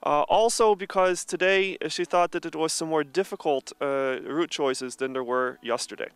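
A man's voice: on the high side, moderate pace, clear, resonant tone, no room sound. A man interpreting a Russian interview as voice-over, summarising with fillers.

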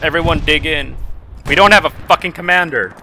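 A man's voice: on the high side, brisk, background noise. A man playing a war shooter with friends, calling orders to his squad and cracking dry jokes. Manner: barks commands, animated, dry jokes. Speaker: squad leader in a shooter game. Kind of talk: casual gaming chat, calling orders.

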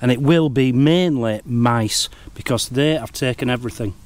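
A middle-aged man narrating a wildlife camera vlog outdoors in a wood, in a chatty, easily excited way. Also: mid-range voice, normal speed. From United Kingdom. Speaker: wildlife vlogger. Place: woodland outdoors.

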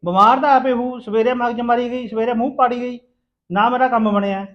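A man's voice: very high-pitched, steady tone, a little fast, lo-fi sound. Man playing a grumbling put-upon husband. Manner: grumbling, threatening back.

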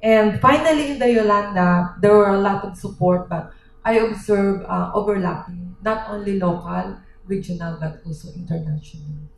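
A woman with a Filipino accent speaking at a workshop discussion into a handheld microphone, listing points with frequent pauses. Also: mid-range voice, creaky. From Philippines. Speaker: workshop participant. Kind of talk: question and answer discussion. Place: hotel conference room. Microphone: handheld microphone through room speakers. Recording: echoey hall from far off.

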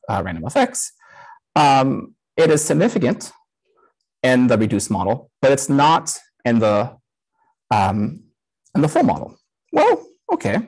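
A man in his thirties gives a casual conference talk over a video call, live coding and speaking through a headset. His voice is medium-pitched and husky, he says "um" often, and the recording is rough.

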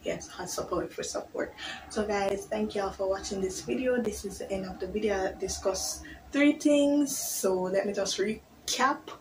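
A woman in her 20s vlogs candidly to a device camera on a desk in her small bedroom, rambling from one update to the next with creole-flavored grammar. Her voice is medium-pitched and moderately paced, and the poor audio carries slight background noise.

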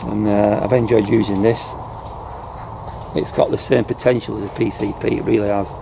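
A middle-aged man with vocal fry and a level tone talks at normal speed about airgun pest control, addressing the camera from a farm building loft. He's casual and chatty, saying "you know" often, over noisy farm ambience from outdoors.

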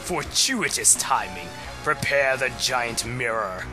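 A man voicing a gloating evil warlock lord from a video game with slow theatrical menace. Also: medium pitch, expressive, over music. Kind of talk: reading game dialogue aloud in character.

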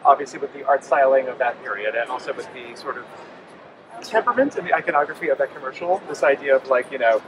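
A company representative in his forties, medium-pitched and quick-paced, keeps saying um as he explains products to an interviewer. The handheld mic records him in a busy indoor convention hall full of trade show noise.

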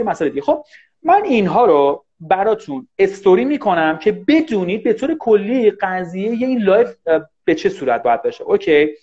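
A man teaching English in a casual live online class, talking fast and animated and often thanking viewers. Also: high voice. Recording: dull lo-fi livestream audio.

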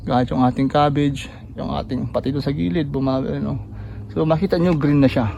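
A man giving a casual walk-through tour of his backyard vegetable garden, relaxed and pointing things out with many fillers, a little out of breath. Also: a little high, fairly quick, gravelly, dull audio, slight background noise. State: slightly out of breath after jogging. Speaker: gardening vlogger.

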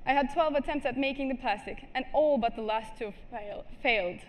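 This teenage student speaker from Turkey has a high voice and talks a little fast. She presents a prepared talk on a big stage facing a seated crowd, using a headset mic, and comes across earnest, restarting and apologizing now and then.

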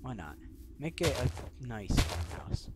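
A man's voice: medium pitch, sing-song, slow. A man teasing his friends and laughing easily as they play a game together. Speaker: game player. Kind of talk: casual gameplay banter. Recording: noisy home recording.

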